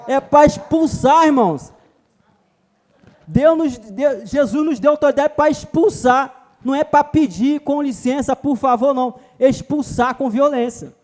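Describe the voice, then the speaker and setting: A man's voice: very high voice, normal speed, darkish tone. A man with a Brazilian Portuguese accent preaching a sermon at a church retreat, emphatic, repeatedly calling his listeners brother.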